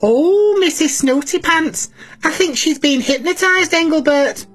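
Chatty old granny as a woman's character, high-pitched, homely. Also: lively intonation, unhurried, faint music behind. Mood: cheery. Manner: chatty, cheeky, talks to children at home. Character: chatty elderly granny cleaner, cheeky and homely. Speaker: children's show presenter in character.

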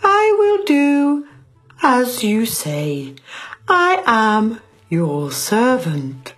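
Woman playing a high, lively-voiced posh snob, slow and dramatic, music faint behind. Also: full character voice. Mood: hypnotised. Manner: haughty, dramatic, drawn-out complaints. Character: posh snobbish rich lady, fussy and self-pitying. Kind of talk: children's comedy sketch acting.

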